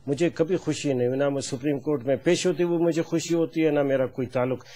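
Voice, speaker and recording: A man with a somewhat high voice speaks as a lawyer on a political talk show. He talks emphatically and stacks up repeated phrases to drive each point home. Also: fairly even intonation, dark tone. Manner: emphatic, repetitive. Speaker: lawyer guest. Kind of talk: political debate.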